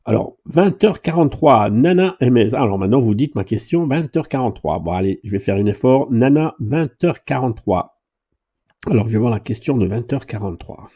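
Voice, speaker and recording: A middle-aged man, a driving instructor, answers viewers' questions live. His pitch swings widely as he jokes and reads their comments aloud. His tone is dark and a little husky. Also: fairly quick. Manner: chatty, joking, animated, reads comments aloud.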